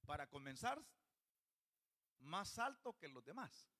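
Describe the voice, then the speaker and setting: A man's voice: a little high, big pitch swings, slow pace, sharp tone. A male pastor preaching a sermon in church, often putting questions to the congregation.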